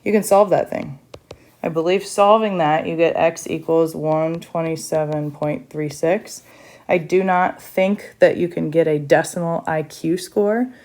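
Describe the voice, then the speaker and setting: A woman's voice: sits low, steady tone, a little slow, a little mellow. A woman teacher recording a step-by-step math lesson for her students, chatty, with frequent fillers.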